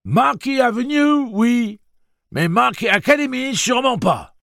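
A wary, half-senile old man from a storybook reading shouts in a high, strained voice. He sounds cantankerous and suspicious. The voice stays dry and close. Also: lively intonation, unhurried, vocal fry, no echo, heavily acted. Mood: shouting.

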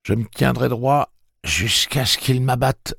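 A man's voice: mid-range voice, unhurried, vocal fry, fairly bright tone, husky, dry recording, clean studio sound, voice pushed up, heavily acted. A man voicing a frightened young man who speaks as if in a trance, in an audiobook. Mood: haunted. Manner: haunted, urgent.

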